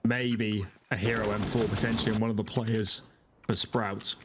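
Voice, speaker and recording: A man's voice: lowish voice, flat delivery, moderate pace. A man giving analytical live esports commentary as a caster, breaking down the tactics of the play. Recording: noisy, game gunfire behind the voice.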